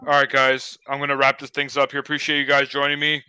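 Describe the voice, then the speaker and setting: Fast, monotone, and medium in pitch, this young man's bright, forceful, smooth voice carries a laid-back live-stream chat packed with fillers. He's the host, from the Los Angeles area, and the audio has no room sound.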